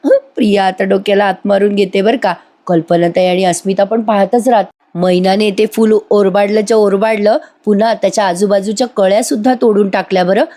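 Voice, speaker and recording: A woman's voice: mid-range voice, fairly even intonation, a little fast, few pauses, warm tone. Chatty woman retelling a soap episode. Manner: chatty storytelling, addresses viewers. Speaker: serial episode reviewer. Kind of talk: voice-over episode recap.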